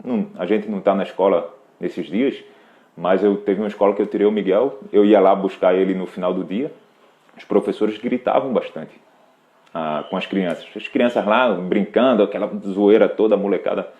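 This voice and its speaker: A man's voice: fairly low pitch, normal speed, phone-quality sound. A man with a Brazilian Portuguese accent hosting a live Q&A, patiently explaining practical parenting advice straight to a parent. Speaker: host answering parenting questions.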